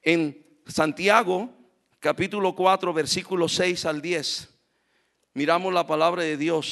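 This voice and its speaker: An impassioned male preacher with a high, bright voice leads his congregation through a sermon. He moves between quiet explanatory stretches and loud, pleading cries, calling on his listeners as brothers and asking for amens. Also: gravelly. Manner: addresses congregation as brothers, calls for amen.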